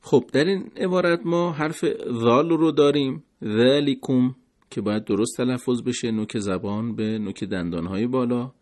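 Persian-accented male tajwid teacher, mid-pitched, patient, drawls out example words for students. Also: a little mellow. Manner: patient, slows down to model Arabic words. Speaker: Quran recitation teacher. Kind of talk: tajwid lesson explaining letter articulation.

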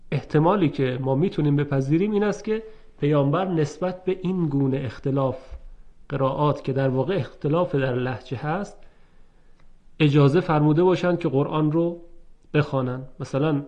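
A man gives an explanatory lecture in a fairly high voice, patiently working through examples and pausing to ask his listeners rhetorical questions. The recording is dull and muffled. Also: a little mellow. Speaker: religious studies lecturer.

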